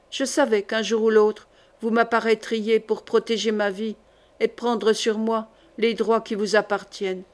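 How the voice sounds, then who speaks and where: A woman reading the lines of a gentle, devoted young woman in a historical audiobook, speaking softly and tenderly. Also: fairly high pitch, close to an everyday voice.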